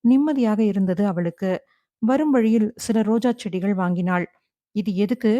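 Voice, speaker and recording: Woman audiobook narrator, dark mellow tone, dry close recording. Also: medium pitch, normal speed, no room sound, dull audio. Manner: steady storytelling. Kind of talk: scripted horror narration.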